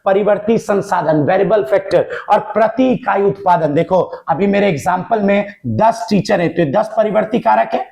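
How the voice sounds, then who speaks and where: A male tutor with a high, gravelly, warm voice gives an exam-focused economics lesson at a moderate pace with few pauses. He calls students "beta" and "bachcha" and repeats each term and point in both Hindi and English.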